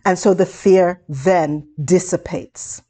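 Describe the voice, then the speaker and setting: A woman instructor giving a video lesson on public speaking, speaking in a deliberate, encouraging way. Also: lowish voice, steady tone, mellow.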